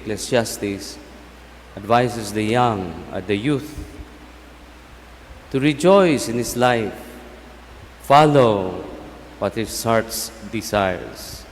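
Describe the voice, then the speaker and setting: A Filipino man, a native Cebuano speaker, preaching as a priest in a solemn, measured way with pauses between short phrases. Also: mid-range voice. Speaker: priest giving a homily. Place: large church, speaking through a sound system. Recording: long basilica echo, some background noise.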